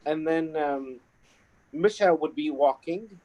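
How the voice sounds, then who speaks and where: Halting man. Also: fairly high pitch, warm tone, dull audio. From Kuwait. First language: Arabic. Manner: halting, explanatory. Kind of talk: casual chat.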